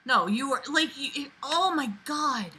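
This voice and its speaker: A woman with a high-sitting voice reads aloud at an unhurried pace and comments along the way. Her reactions are exasperated, animated and emphatic, swinging dramatically in intensity.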